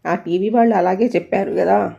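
A woman's voice: medium pitch, fairly quick, creaky, mellow. A woman voicing an innocent-seeming young bride who is coy and sly, speaking with sweet feigned innocence. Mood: pleading. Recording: dull lo-fi audio.

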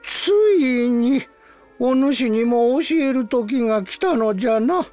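An actor playing a sleepy, cranky, hard-of-hearing old village elder in a video game, talking in an old-fashioned, drawn-out way like an old prospector. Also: male voice, very high voice, a little mellow, soft background music. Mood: solemn, unhurried. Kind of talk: video game character acting.

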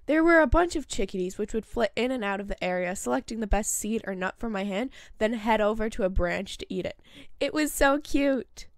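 A woman's voice: mid-range voice, fairly quick, hardly any pauses, no echo. A woman hosting a birdwatching video, reading a scripted voice-over narration. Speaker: host of a birdwatching video channel.

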